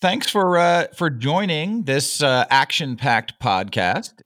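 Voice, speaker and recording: Picture a man hosting a business podcast, his pitch moving in a lively, animated way. He reads his opening from a script, then eases into joking, self-deprecating chat with a guest. His voice comes through dry and close, recorded over a video call from an office. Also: slow, no room sound, soft background music. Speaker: podcast host and company founder. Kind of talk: scripted intro then casual conversation. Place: office headquarters.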